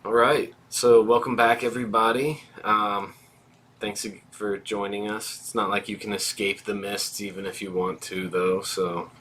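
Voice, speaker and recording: A man's voice: lowish voice, little pitch movement, normal speed, fairly bright tone. A man running a tabletop game as its dungeon master, recapping in an easygoing way over a video call.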